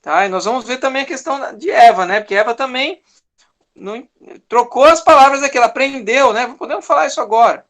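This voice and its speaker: A man's voice: extremely high pitch, fairly quick, fairly bright tone. A man with a Brazilian accent giving a sermon, talking conversationally and often tagging his sentences with a questioning "né?". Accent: Brazilian Portuguese. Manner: conversational, tags many sentences with "né?"; teaches verse by verse, acting out short quoted lines. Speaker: preacher.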